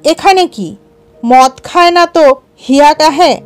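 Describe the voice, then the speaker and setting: A woman reading a story aloud voices a drunk, sneering village gentleman with slurred speech. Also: sits high, takes it slowly, faint music behind, pitched above the performer's own voice. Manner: mocking, taunting.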